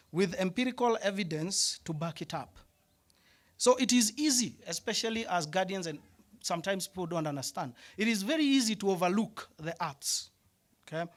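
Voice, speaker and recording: A man's voice: sits high, fairly bright tone. A man, head of an animation department, giving an emotional, reflective faculty speech at a graduation ceremony. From Africa. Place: ceremony hall.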